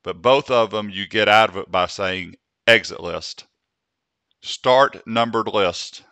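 A man hosts a software tutorial, speaking slowly and deliberately as he demonstrates commands. His voice sits low yet comes through bright and crisp. It is recorded close and dry, with no room sound. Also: dry recording. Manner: slow, deliberate speech for demonstrating dictation commands.

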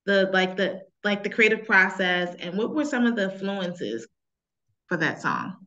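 A woman's voice: medium pitch, expressive, measured pace, pushed and bright, muffled recording. A woman hosting an interview show, upbeat and encouraging, speaking both to her guest and to the viewers. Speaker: talk show host.

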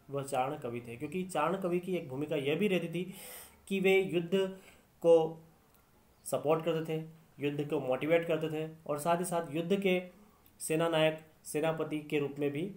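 A man's voice: on the high side, darkish tone. A man teaching Hindi literature in a lecture, explaining step by step and repeating key phrases. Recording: echoey room.

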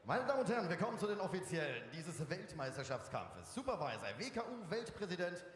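A middle-aged man working as a boxing ring announcer, calling out fighters with theatrical, drawn-out shouted names. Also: big pitch swings, slight background noise. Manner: theatrical, booming showman delivery. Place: boxing ring in a large crowded arena. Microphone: handheld microphone. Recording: echoey arena PA with long reverb, music.

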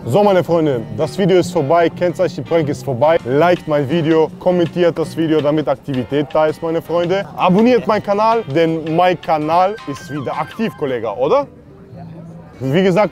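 A man with a high voice pulls a prank on a city street, speaking in deliberately broken, playful German. Music plays behind him outdoors. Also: darkish tone. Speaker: prankster YouTuber.

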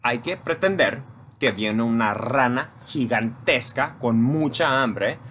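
Playful bilingual storytime host, slow and bright. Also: male voice, mid-range voice, animated, slight background noise. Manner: switches between English and Spanish, playful and coaxing. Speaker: children's librarian storytime host.

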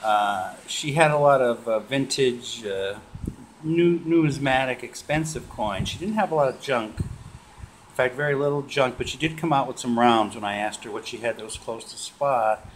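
A man showing off his coin purchases in a casual vlog, relaxed and rambling, with lots of filler sounds. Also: mid-range voice, normal speed. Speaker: coin collecting vlogger. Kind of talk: casual show-and-tell vlog. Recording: noisy home video recording.

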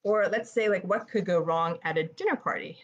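Fast-talking New York woman, low voice. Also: highs cut off. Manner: fast-talking, chatty, with frequent fillers. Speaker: author presenting writing tips. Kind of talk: live-streamed writing presentation.

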